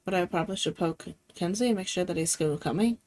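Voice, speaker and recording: A woman's voice: lowish voice, fast, darkish tone. A woman streaming games, chatting casually, laughing often and swearing freely. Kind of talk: casual game-stream chat.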